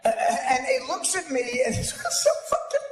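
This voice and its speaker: Animated, high-voiced male comic. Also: normal speed, loud music behind the voice. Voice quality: animated, profane, self-mocking storytelling. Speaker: comedian. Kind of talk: stand-up storytelling to a live audience. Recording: echoey hall with background noise.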